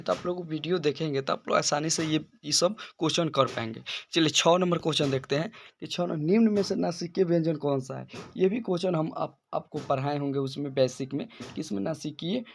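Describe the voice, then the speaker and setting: A man's voice: a little high, a little fast, vocal fry, hardly any pauses, a little hiss or hum. A male teacher working through exam questions one by one, repeating and restarting phrases as he explains each answer. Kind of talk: exam-prep lesson.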